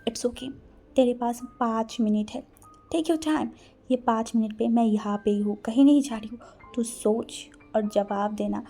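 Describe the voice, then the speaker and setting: A woman's voice: on the high side, unhurried, mellow, faint music behind. A woman voicing a possessive young man in a fan story, speaking bluntly and demandingly. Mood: cold, demanding.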